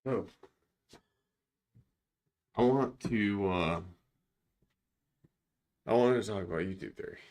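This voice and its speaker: A man with a very low, deep voice chats casually as a podcast co-host. He rambles, swears freely and restarts his sentences often. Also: slow pace, pauses often, darkish tone. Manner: rambling, profane, many restarts. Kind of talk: casual chat.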